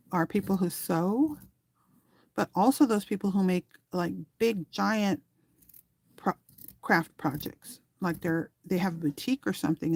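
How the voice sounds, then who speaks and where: Here a craft tutorial host with a lowish, darkish voice thinks aloud as she works, keeping her talk casual and wandering. She sells through a small online shop, and no room sound is audible.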